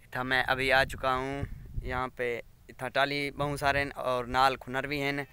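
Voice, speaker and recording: A man's voice: medium pitch, monotone, moderate pace, bright, forceful tone, slight background noise. Chatty Saraiki man vlogging in the fields. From Pakistan. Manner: rambling, chatty, keeps asking viewers to subscribe. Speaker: village vlogger. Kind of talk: casual walking vlog. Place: outdoors among farm fields. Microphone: phone camera.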